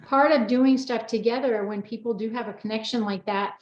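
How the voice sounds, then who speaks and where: Here a middle-aged co-author hosts a personal conversation off the cuff, loose and talkative. Her pitch is fairly high, her tone darkish, and she speaks a little fast. Sound quality is lo-fi, dull and roomy.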